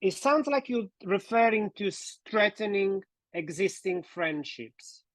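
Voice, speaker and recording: Measured male podcast host, dry sound. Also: high voice, expressive, no echo. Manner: polite, measured, affirming. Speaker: podcast host, couples therapist. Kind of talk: interviewing, clarifying questions.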